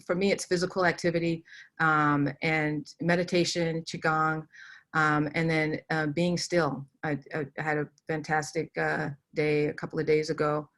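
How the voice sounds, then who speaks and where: Deep-voiced woman on a panel, takes her time, um um. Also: flat delivery, a bit bright. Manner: thoughtful, many ums and pauses. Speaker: panelist, tech engineering director. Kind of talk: panel discussion answers. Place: Los Angeles area.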